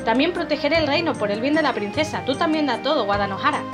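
A woman's voice: high-pitched, animated, fast talker. A woman reading a kind, caring young male character from a game in an earnest, plain voice, over game music.

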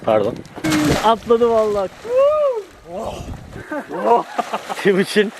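Man, high voice, vlog host, casual outdoor chat, teasing and joking. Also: very animated, slow pace, heavy background noise.

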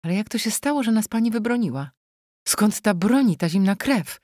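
A woman's voice: mid-range voice, expressive, brisk, darkish tone, no room sound, clean studio sound, voice pushed up, natural voice. A woman voicing a frightened elderly noblewoman who speaks in a shaky, breathless voice in an audiobook. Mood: shaken. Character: frightened old woman of the nobility. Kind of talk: audiobook character voice.

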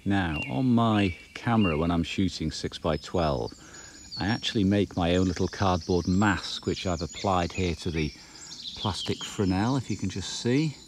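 A middle-aged man talking to camera in a forest, calmly explaining his photography gear step by step. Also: low voice, moderate pace, background noise. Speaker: photography vlogger. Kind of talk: casual explanatory talk to camera. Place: outdoors in a green forest.

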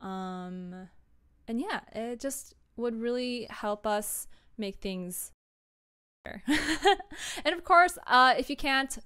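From a small indoor home room, a young adult streamer and audio drama creator gives casual tips on a livestream. Her voice is a little high, expressive and slow, pushed and bright with a clean tone, and she comes across informal, giggly and self-deprecating.

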